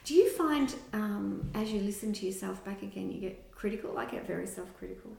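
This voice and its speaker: A woman's voice: medium pitch, expressive, a little fast, gravelly, dark tone, roomy sound. A woman co-hosting a podcast in casual chat, reviewing a children's book from her notes. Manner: chatty, reads from notes, reviews children's books. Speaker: podcast co-host.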